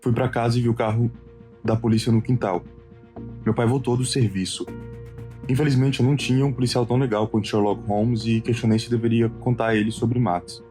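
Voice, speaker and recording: A man narrating a first-person animated story in a wry, conversational scripted read. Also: mid-range voice, fairly quick, faint music behind.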